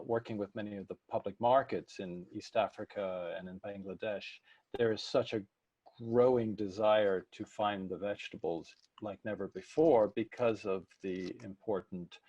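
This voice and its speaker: Low, mellow-voiced man on a video call. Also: dry recording, highs cut off. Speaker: webinar co-host. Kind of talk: casual online talk.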